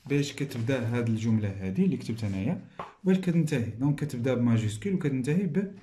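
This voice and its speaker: A man's voice: mid-range voice, expressive, very fast, warm tone, a little hiss or hum. A man teaching a primary school French grammar lesson with a Moroccan accent. He explains each point in French, then repeats it in Moroccan Arabic.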